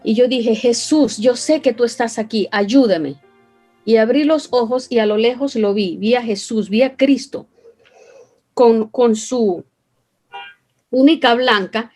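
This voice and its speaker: A woman's voice: a little high, unhurried, darkish tone, soft background music. Earnest Venezuelan woman telling her story. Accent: Venezuelan Spanish. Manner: earnest, emotional storytelling with restarts. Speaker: interview guest. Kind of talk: personal testimony.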